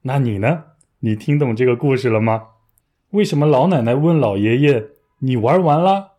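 Mellow-voiced man teaching a language. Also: medium pitch, moderate pace. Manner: clear, patient explaining with playful asides. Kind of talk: scripted language lesson.

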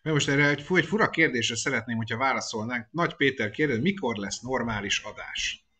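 A man's voice: medium pitch, expressive, pushed and bright, a little hiss or hum. A man co-hosting a casual car show, reading out viewer questions and chiming in briefly.

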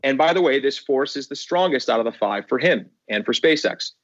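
A man's voice: medium pitch, lively intonation, brisk, dry recording, dull audio. A man speaking as a podcast guest, telling stories with emphatic repeated phrases. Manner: emphatic, repeats words for effect. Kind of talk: animated storytelling.

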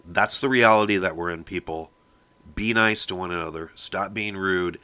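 A man holds forth on his own podcast, lecturing his listeners and stressing each point. His voice sits a little low and comes out tense and forceful. He keeps turning to the audience with a pointed "people". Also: normal speed, clear, resonant tone. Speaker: podcast host. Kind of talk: opinion monologue.

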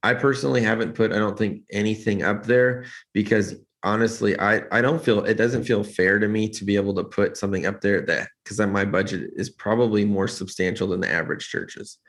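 A man's voice: fairly low pitch, steady tone, a little fast, hardly any pauses, fairly bright tone. A man talking earnestly in a casual interview, rambling with many restarts as a church lighting director.

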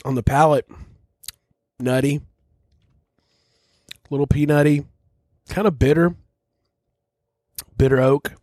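A man's voice: fairly high pitch, steady tone, slow pace, long pauses, a little mellow, no room sound, clean studio sound. A man hosting a casual whiskey tasting, talking bluntly and rambling, with frequent swearing. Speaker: whiskey reviewer host.

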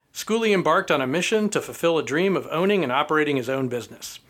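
A man hosting a business podcast moves briskly through a scripted introduction. His voice sits a little high, and he talks fast in a smooth, polished way. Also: a bit bright. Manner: brisk, polished read-out delivery. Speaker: podcast host. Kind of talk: scripted introduction and interview questions.

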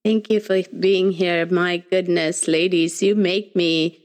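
A woman's voice: on the low side, fairly even intonation, takes it slowly. Effusive woman hosting a podcast. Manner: warm, effusive welcomes with frequent ums. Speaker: podcast host. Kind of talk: casual podcast chat.

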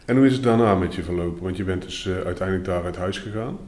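A man interviewing a guest, asking soft, hesitant questions. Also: deep voice, quick pace. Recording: roomy echo.

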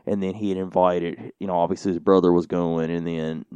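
A man's voice: sits low, flat delivery, fairly quick, dark tone, clear, resonant tone, no room sound, highs cut off. A man co-hosting a podcast, telling a story in a casual, rambling way full of "like" and "you know.". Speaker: podcast co-host.

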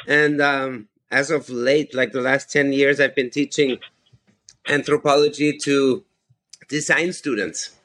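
A man's voice: medium pitch, steady tone, a little slow, a bit bright. A man in his fifties from Austria, chatting enthusiastically as a podcast guest and laughing often. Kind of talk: casual chat.

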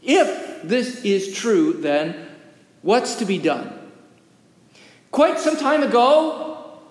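A man preaching a sermon during worship in a historic church sanctuary, in a measured, deliberate manner with long pauses. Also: high voice, very animated. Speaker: pastor. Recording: echoey sanctuary, long reverb.

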